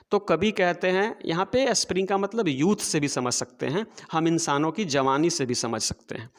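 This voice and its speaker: A male teacher explaining a poem to students, reading verse lines slowly and then explaining them, repeating words for emphasis. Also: on the high side, long reverb tail. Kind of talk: poetry lesson explained to students.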